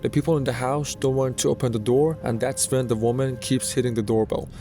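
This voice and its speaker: A man's voice: medium pitch, fairly even intonation, brisk, warm tone. A man reading scripted narration for a countdown video. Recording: music under the voice. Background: background music.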